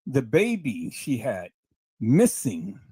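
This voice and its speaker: A man's voice: medium pitch, wildly swooping pitch, takes it slowly, darkish tone, husky, dry recording. A man hosting a casual livestream, rambling and repeating himself as he talks straight to his viewers. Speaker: livestream host.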